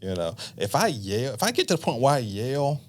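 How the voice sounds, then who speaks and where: A middle-aged male marriage counselor chats on a podcast at medium pitch and a fairly quick pace. He explains things in a relaxed, talkative manner, acting out what couples say to each other in casual conversation.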